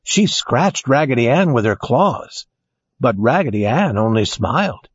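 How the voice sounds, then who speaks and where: A man reading a children's storybook aloud in a lively, expressive way, recorded with a dry, dull lo-fi sound. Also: medium pitch, measured pace, breathy edge, dry recording. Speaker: narrator.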